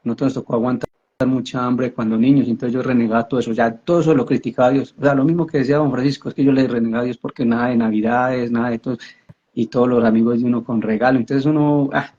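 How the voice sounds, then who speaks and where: A man with a husky, mellow voice tells his conversion story in a flat, even tone. He halts and repeats himself as he goes. The audio is dull and lo-fi. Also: medium pitch. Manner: halting, repeats and restarts words. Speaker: man giving a conversion testimony. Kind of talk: personal religious testimony.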